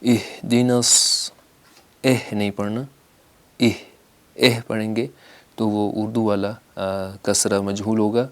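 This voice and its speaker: Male teacher for a pronunciation lesson, smooth clear voice, monotone, stops often to recite slowly. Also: fairly low pitch. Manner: slow drawn-out Arabic recitation between explanations, many filler pauses. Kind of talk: instructional lesson with slow recitation.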